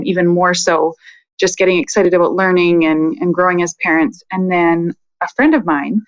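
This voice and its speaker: A woman's voice: lowish voice, no echo, dull audio. A woman guest in a podcast interview, talking reflectively with frequent fillers. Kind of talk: casual interview talk.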